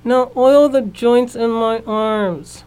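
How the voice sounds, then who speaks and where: A woman voicing a polite, sad male tin man who speaks slowly and mournfully in a storybook reading. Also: fairly high pitch, a little mellow, smooth, pitched above the performer's own voice, low-quality recording.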